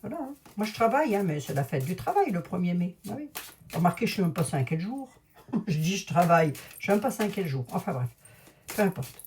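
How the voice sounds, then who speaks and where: A woman's voice: fairly low pitch, big pitch swings, fast, a little mellow, a little hiss or hum. A woman with a Lorraine accent, a clairvoyant talking casually and rambling to her viewers from home while painting a room. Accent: Lorraine French. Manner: rambling, digressive, talks straight to the audience. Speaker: clairvoyant YouTuber. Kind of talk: casual chatty monologue to viewers.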